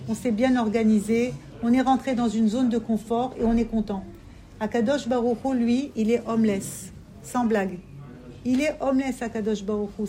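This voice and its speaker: A woman's voice: high voice, a little mellow. A woman giving an impassioned sermon to a women's gathering, pleading and repeating herself for emphasis. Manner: fervent and pleading, with emphatic repetition. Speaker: religious women's teacher.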